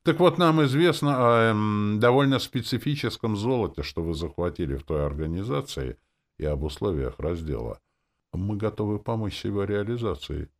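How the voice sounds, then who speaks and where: A man voicing a measured, businesslike male gnome who talks with formal politeness in an audiobook. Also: fairly low pitch, animated, voice pushed up. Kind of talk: audiobook character voice.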